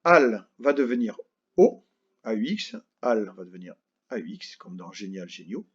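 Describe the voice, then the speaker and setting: A primary school teacher with a slightly husky, lowish voice and big pitch swings gives a recorded lesson to young children. He goes slowly and patiently, spelling words letter by letter and checking in often, in slightly dull, lo-fi sound.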